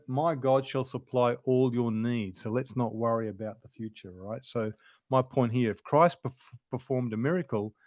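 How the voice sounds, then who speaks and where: A man's voice: medium pitch, no room sound. A man presenting a Bible study lesson in an informal, explanatory way, thinking aloud as he goes. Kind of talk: conversational Bible study teaching.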